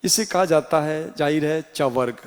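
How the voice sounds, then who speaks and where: A man teaching a Hindi class in a slow, deliberate way with a Rajasthani accent, sounding out each letter one by one. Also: fairly high pitch. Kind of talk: classroom lecture. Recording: reverberant room sound.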